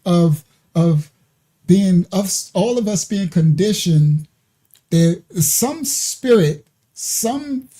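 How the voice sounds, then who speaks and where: Speaking slowly and expressively in a mellow, medium-pitched voice, this online ministry host talks loosely over video clips. Sentences keep ending with tags like "right?" and "you understand?"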